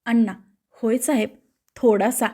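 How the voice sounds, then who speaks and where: A woman's voice: on the high side, steady tone, a little slow, warm tone. A woman reading the part of a meek, sleepy male government clerk who snores. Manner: meek, apologetic.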